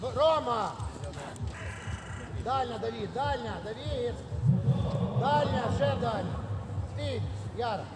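A man coaching a youth football team from the sideline of an outdoor pitch, barking sharp instructions and scolding his players, picked up by a distant camera mic. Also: animated, slow pace, long pauses, background noise. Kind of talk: sideline shouting.

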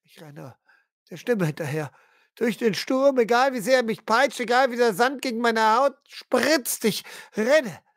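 A player speaking in first person as their character, intense and halting, often dropping to a hush. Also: medium pitch, no room sound, clean studio sound.

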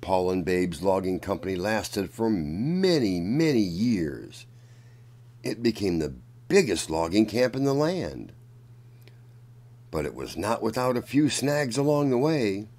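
A children's storyteller and channel host reads a picture book in a low, darkish voice, very slowly and deliberately, his intonation swinging widely. He's very animated, dramatically performing for young children.

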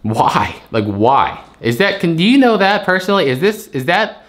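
A storage unit buyer argues his case in a heated phone call, frustrated and rambling as he repeats himself to push his point. His voice is high-pitched and fairly bright, swinging widely in pitch at a moderate pace.

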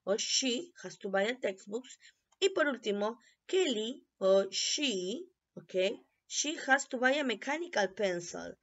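A woman teacher giving a recorded review lesson, explaining in Spanish and repeating English phrases slowly for pronunciation. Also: on the high side, lively intonation, a bit bright. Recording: dull lo-fi recording.

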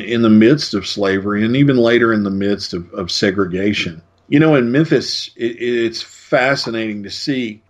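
A man speaking as an author and guest in an interview, explaining his points in a measured way with frequent restarts. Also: on the low side. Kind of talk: conversational interview. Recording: dull lo-fi recording.

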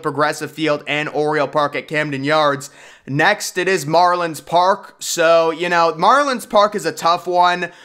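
A man's voice: fairly high pitch, a bit bright, clear, resonant tone. A young man giving casual, opinionated commentary in a voice-over, enthusiastic and conversational. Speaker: YouTube sports commentator.

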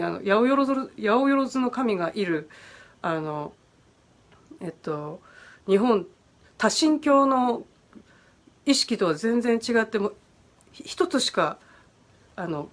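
Chatty woman host, bright high voice. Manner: friendly and chatty, many fillers, answers questions on English pronunciation. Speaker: host of an online virtual bar stream. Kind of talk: casual livestream chat, reading viewer comments aloud.

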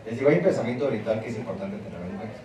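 A man's voice: mid-range voice, big pitch swings, racing. Man lecturing in a very echoey hall. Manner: explanatory, emphatic, checks in with the audience. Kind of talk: university lecture. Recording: very echoey hall, mic far off, audience noise.

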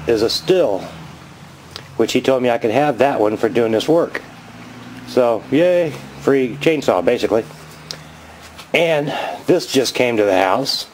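A man in his fifties giving a rambling, chatty show-and-tell vlog outdoors by his garage, filming on a handheld camera and getting excited over his finds. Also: mid-range voice, a little hiss or hum, poor audio. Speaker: vlogger.

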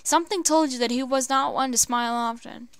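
A woman reading fan fiction aloud, halting with many stumbles and restarts. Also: high-pitched, smooth, no echo. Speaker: storyteller.

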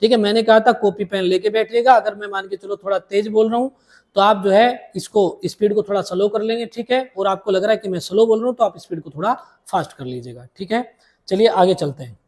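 Male maths teacher, patient and repetitive, slows down to spell out each step for the class. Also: high-pitched, a little mellow. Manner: repeats each step slowly, addresses students as dear children. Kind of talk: blackboard maths lesson.

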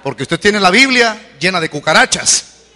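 A man preaching, his voice high and very lively, swinging from hushed lines to shouted peaks. He hammers the same call over and over, and the tone is bright and forceful. A long reverb trails each phrase through the church hall. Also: moderate pace, a faint crowd. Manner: fervent, swings to shouted peaks, repeats calls to convert. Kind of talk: evangelical sermon.

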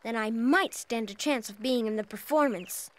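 A woman's voice: a little high, normal speed, a little hiss or hum, close to an everyday voice. A woman voicing a dreamy, dramatic young girl in a cartoon, earnest and flowery in her wording. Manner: flowery, formal, theatrical wording. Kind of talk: animated series voice acting. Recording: music behind the voice.

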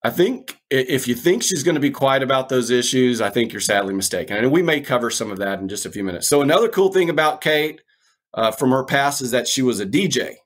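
A middle-aged man hosting a podcast, introducing his guest in a rambling, halting way with many restarts. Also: medium pitch, lively intonation. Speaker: podcast host. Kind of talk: casual interview intro.

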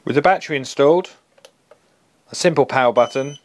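A man's voice: mid-range voice, fairly quick, slight background noise. A man, reviewing trade tools in a practical, plain-spoken way, on a lapel mic in an office. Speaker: HVAC engineer reviewing tools. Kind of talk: product review presentation.

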